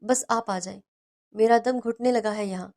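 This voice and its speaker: A woman voicing a lonely, tender young wife who pleads softly with her brother in a storybook reading. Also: a little high, lightly acted. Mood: plaintive.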